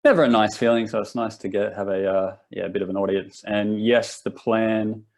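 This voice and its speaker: A man's voice: on the low side, fairly even intonation, moderate pace. A young Australian man in his twenties hosting a live workshop in a laid-back, rambling way, often restarting his sentences. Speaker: workshop host. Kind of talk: casual live workshop talk.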